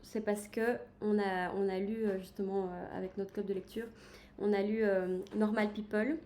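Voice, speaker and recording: A woman's voice: medium pitch, warm tone, slight background noise. A woman chatting in a casual book-review livestream, enthusiastic and full of hesitations as she recommends books. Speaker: book streamer.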